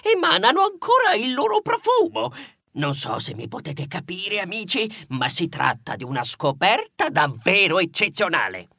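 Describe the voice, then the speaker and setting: A man's voice: high voice, wildly swooping pitch, normal speed, creaky, sharp tone, dry recording, studio quality, pitched above the performer's own voice, full character voice. A man voicing an enthusiastic male museum director in a read-aloud children's story, speaking eagerly. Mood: excited.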